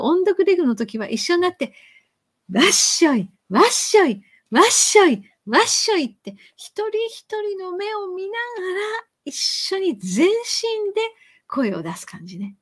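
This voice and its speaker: Animated woman teaching reading aloud. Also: mid-range voice. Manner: lively and animated, with sudden loud chanted demonstrations. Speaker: reading teacher hosting a live stream. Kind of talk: live-stream lesson on reading aloud.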